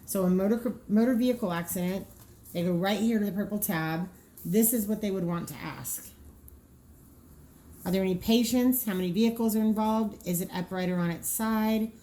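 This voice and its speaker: This trainer, a woman with a warm, mid-range voice, goes through draft dispatcher training cards at a moderate pace. She keeps it casual and practical, explaining as she goes and frequently thinking aloud.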